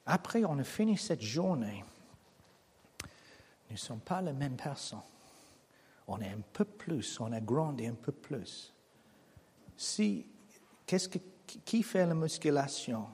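A man preaching a sermon in French as a non-native speaker with a foreign accent, speaking slowly and haltingly with rhetorical questions. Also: medium pitch, big pitch swings, a little mellow, big-room sound, a little hiss or hum. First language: not French. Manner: slow, halting delivery with restarts and rhetorical questions. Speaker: pastor. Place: church hall.

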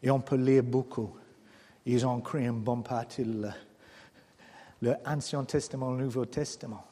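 A man's voice: medium pitch, steady tone, dark tone, slightly rough. Non-native French-speaking man preaching in a hall. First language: not French. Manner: slow, halting delivery with restarts and rhetorical questions. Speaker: pastor. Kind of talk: sermon. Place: church hall.

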